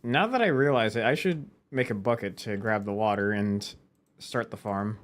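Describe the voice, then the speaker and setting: A man's voice: fairly low pitch, normal speed. A man giving casual let's-play commentary, chatty and talking to himself as he plays. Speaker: gaming video creator.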